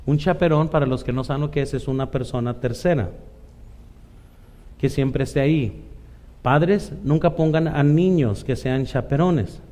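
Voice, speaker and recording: Mexican pastor preaching in a mellow voice. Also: male voice, mid-range voice, normal speed. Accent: Mexican Spanish. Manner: conversational preaching, frequent "¿verdad?" asides, acts out quoted voices. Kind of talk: sermon.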